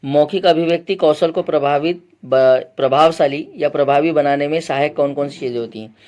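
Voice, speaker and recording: A male teacher giving an exam-prep lecture, explaining point by point, quizzing his students with repeated questions and often clearing his throat. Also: a little high, a little fast, darkish tone.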